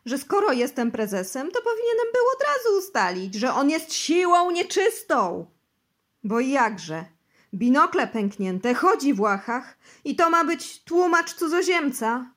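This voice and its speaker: A woman voicing a heavyset, frightened middle-aged official who pleads, shouts and swears his innocence in an audiobook. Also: high-pitched, very animated, slow pace, hardly any pauses, voice pushed up, exaggerated voice. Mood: agitated. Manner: shouting, pleading, crossing himself.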